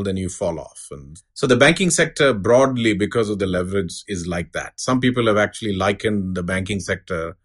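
Low-voiced man explaining as expert guest. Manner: measured, explanatory, uses analogies. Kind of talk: unscripted interview explanation. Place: studio.

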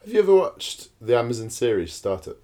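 A man's voice: mid-range voice, big pitch swings, brisk, dark tone. A man co-hosting a podcast in casual chat, making playful teasing quips. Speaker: podcast co-host.

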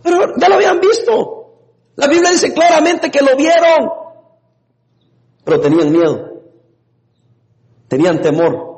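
A man preaching a lively sermon as a pastor, laughing now and then and breaking into sudden shouts. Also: extremely high pitch, unhurried, pauses often. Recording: long reverb in a hall.

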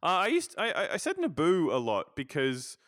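A man's voice: a little high, wildly swooping pitch, moderate pace, fairly bright tone, dry recording, clean studio sound. A man hosting a casual podcast interview, often stammering and repeating words as he talks. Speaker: podcast host.

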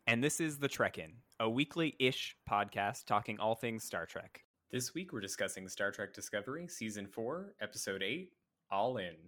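A man's voice: on the low side, animated, normal speed, bright, forceful tone. A man hosting a casual podcast, introducing the show and reading a recap in an easygoing way. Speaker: podcast host. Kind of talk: casual chat.

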